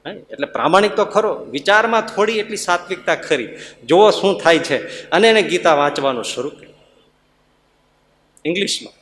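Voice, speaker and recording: Swami, animated storytelling sermon, fairly high voice, long hall reverb. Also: male voice, normal speed, long pauses. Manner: animated, acts out villagers' voices, chuckles. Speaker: swami giving a discourse.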